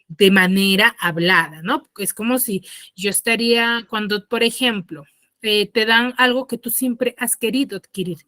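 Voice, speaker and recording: Over a video call, a woman teaches grammar online, pausing after every point to patiently check in with her pupils through frequent questions. Her voice is medium-pitched and fairly bright, with no echo.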